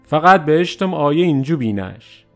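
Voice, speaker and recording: A man narrating a first-person story in a lively, animated way. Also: fairly high pitch, faint music behind.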